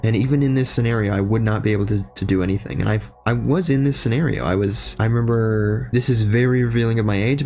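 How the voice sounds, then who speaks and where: Gravelly-voiced young man rambling in his basement. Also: fairly low pitch, darkish tone. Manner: rambling, self-deprecating, sweary, loses his train of thought. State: slightly strained voice. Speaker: streamer and video creator. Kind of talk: rambling casual monologue. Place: basement room at home.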